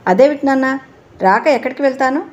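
Brief: woman reading as a soft-spoken young student daughter, a little high-voiced. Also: brisk, dull audio, lightly acted. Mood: pleading.

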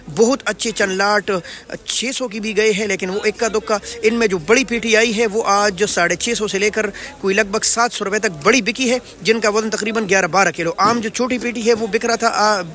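Earnest and projecting, a Pakistani-accented host in his thirties delivers an informational market rate report. His high-sitting voice has a bright, forceful tone.

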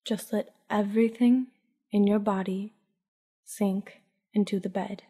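Woman, sleep story narrator, mellow dark tone, soft breathy endings, calm guided meditation, long reverb. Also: medium pitch, measured pace.

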